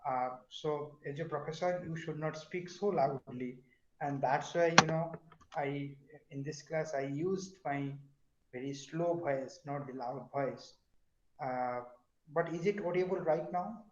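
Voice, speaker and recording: A middle-aged professor lectures his class over a video call, pausing often on fillers as he quizzes his students. His voice sits a little high. The sound is echoey and dull, as from a computer mic in a bare room. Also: fairly bright tone, a little hiss or hum. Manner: questioning students, many fillers.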